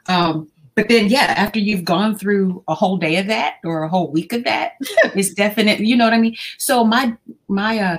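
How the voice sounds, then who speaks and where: A woman talking as an interview guest in a calm, measured way, often breaking into light laughter. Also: medium pitch. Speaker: school staff working with students. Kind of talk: casual interview conversation.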